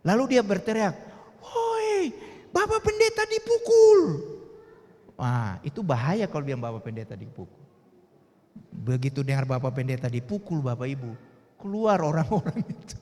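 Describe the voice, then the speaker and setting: A man preaching a sermon in a church service, telling a story with animated quoted voices and then leading a prayer. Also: medium pitch, fairly quick. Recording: long church reverb.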